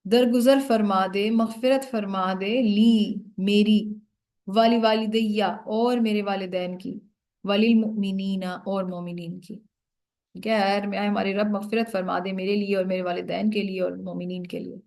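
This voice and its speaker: A woman lecturing on Arabic grammar step by step, often checking that listeners follow and slowing down to translate prayers word by word. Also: medium pitch, fairly even intonation, a little mellow. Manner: slows down to read Quranic prayers and translate them word by word. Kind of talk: classroom lecture.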